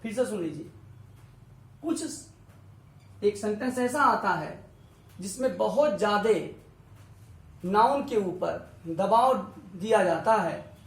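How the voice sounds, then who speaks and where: A man teaching a grammar lesson, explaining slowly and repeating each point, often asking if it is clear. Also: high-pitched, echoey room, far from the mic, poor audio. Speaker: English teacher.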